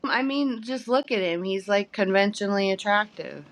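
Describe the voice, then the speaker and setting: A woman's voice: mid-range voice, normal speed, slight background noise. Giggly Midwestern woman, podcast co-host. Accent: Midwestern American. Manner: giggly, relaxed, says "like" often. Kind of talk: casual podcast chat.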